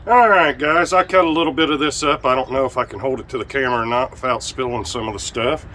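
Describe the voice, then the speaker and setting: A man hosting a casual outdoor cooking vlog, talking in a relaxed way with frequent ums. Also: mid-range voice, fast, slight background noise. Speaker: outdoor cooking channel host. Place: outdoors at a camp stove.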